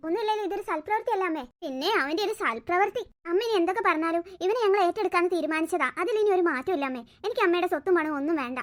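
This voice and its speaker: A voice actor playing a calm, firm father in a cartoon story, speaking steadily as he stands up to his mother. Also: extremely high pitch.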